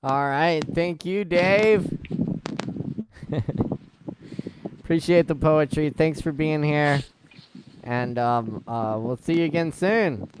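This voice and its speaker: A man hosting a live-streamed open mic, relaxed and hyping up the crowd. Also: a little high, slow, pauses often, noisy background. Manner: laid-back, hypes the crowd. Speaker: host. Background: guitar music.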